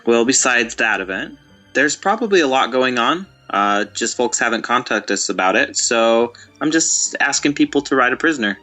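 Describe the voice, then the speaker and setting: A man co-hosting a podcast, with dry, deadpan humor. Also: medium pitch, moderate pace, soft background music. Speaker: podcast co-host. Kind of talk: casual podcast chat.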